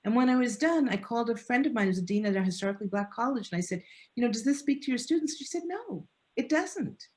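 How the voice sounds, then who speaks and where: A woman professor, appearing as a guest speaker on an online panel, answers a question over a video call in a lecture-style way. Her voice is a little high and animated, and she talks fast, earnest and discursive, often restarting her sentences.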